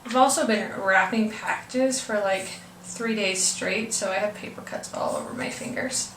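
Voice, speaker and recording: A young beauty vlogger with a congested, stuffed-up voice works through a makeup tutorial, chatting hesitantly with many ums and frequent apologies. Her voice is mid-range, a bit bright, and at a normal speed. She sits some distance from the camera mic in an echoey room at home, with faint hiss underneath.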